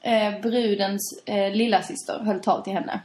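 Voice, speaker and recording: A woman in casual conversation, telling a story in an animated way and laughing often. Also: medium pitch. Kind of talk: casual chat. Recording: roomy echo.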